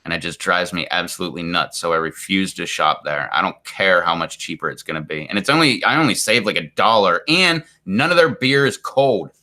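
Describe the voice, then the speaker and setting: A man in his 40s runs a live stream, chatting casually and rambling in an exasperated way, with "like" everywhere. His low-pitched voice has lively intonation and a bright, forceful tone, and he talks fairly quickly with hardly any pauses.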